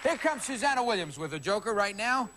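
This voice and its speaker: Host role: American man, high-pitched, ad-libbed banter over clear audience noise and hiss. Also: very animated, brisk, over a noisy crowd. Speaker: game show host. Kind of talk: lively ad-libbed hosting with banter. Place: television studio with live audience. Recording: 1980s TV studio, noisy audience.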